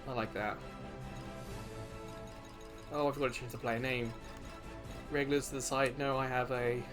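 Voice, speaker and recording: A man's medium-pitched voice stays level and moderately paced as he hosts a gaming series, chatting casually about the gameplay and thinking aloud. Game music runs behind him.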